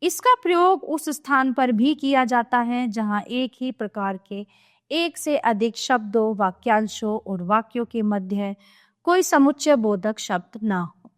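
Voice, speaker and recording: A woman teacher giving a scripted grammar lesson to children, explaining clearly and steadily. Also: on the high side, lively intonation, a little slow.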